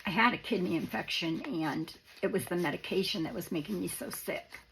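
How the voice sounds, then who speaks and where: A woman giving a casual, halting show-and-tell as a craft presenter, with a raspy, worn voice that is starting to go. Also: lowish voice, a bit bright, slight background noise, poor audio. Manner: halting, rambling, informal. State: voice starting to go after illness.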